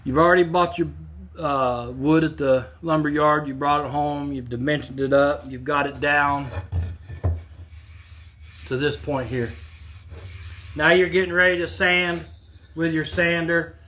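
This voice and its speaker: A man's voice: a little high, unhurried, long pauses. A man hosting a woodworking channel, casually demonstrating in his home shop in a plainspoken, repetitive way. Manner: plainspoken, repeats himself, relaxed restarts.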